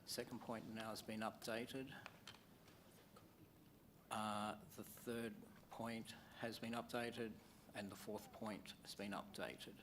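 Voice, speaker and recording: Slow, halting Australian councillor, low voice. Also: male voice, level tone, background noise. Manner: halting, many fillers and restarts. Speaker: councillor moving a motion. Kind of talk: formal council meeting talk.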